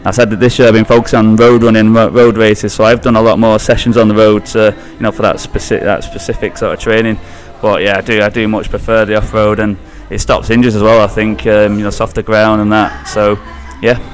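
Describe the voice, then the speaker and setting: A man's voice: lowish voice, level tone, faint music behind. A man with a British accent from Greater Manchester, answering casually as a podcast guest and often repeating his words. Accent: northern English, Greater Manchester. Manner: halting, repeats words, says "you know".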